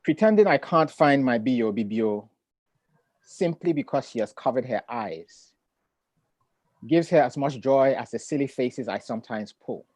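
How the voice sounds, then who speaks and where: A middle-aged man who grew up in Ghana, a poet, reading his poems and talking about family in a measured, reflective way over a video call. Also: mid-range voice, a little mellow, no echo. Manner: measured and reflective, with thoughtful pauses. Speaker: poet and author. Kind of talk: poetry reading and relaxed conversation.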